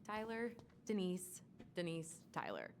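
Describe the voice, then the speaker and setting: An actress playing a caring, earnest young woman with a gently wry edge, heard as game audio. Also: fairly low pitch, huge pitch swings, a little slow, exaggerated voice. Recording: game audio with ambient noise.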